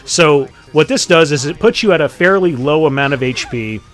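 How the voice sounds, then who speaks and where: A man's voice: fairly high pitch, animated, moderate pace, a bit bright, faint music behind. A man giving casual, joking commentary over his game matches, swearing freely. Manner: profane, joking, offhand. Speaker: gaming commentator.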